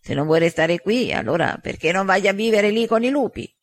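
A man's voice: high voice, animated, a little fast, no echo. A man reading a wry, teasing man. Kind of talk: audiobook dialogue.

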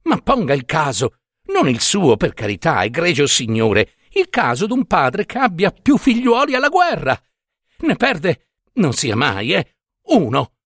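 A man's voice: on the high side, wildly swooping pitch, a little slow, a bit bright, no echo, studio quality, full character voice. A man voicing a timid, awkward husband who speaks hesitantly and apologetically.

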